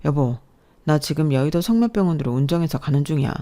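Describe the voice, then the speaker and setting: A woman's voice: low-pitched, lively intonation, quick pace, warm tone. A woman voicing a loyal young husband who hurriedly passes on urgent family news.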